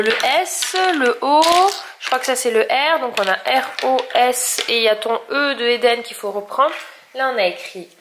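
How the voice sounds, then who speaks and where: A mother narrating a casual family vlog at home, talking softly and patiently to her toddlers as she shows them things. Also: a little high. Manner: soft, patient, coaxing talk to toddlers. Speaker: mother filming her young children. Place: home room with a children's play table. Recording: echoey room, household noise.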